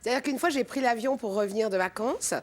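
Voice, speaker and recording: A middle-aged woman, a talk-show guest, telling lively anecdotes and acting out the people in them. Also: fairly high pitch, quick pace, noisy background. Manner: animated storyteller acting out quotes. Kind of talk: casual talk-show chat. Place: TV studio with audience.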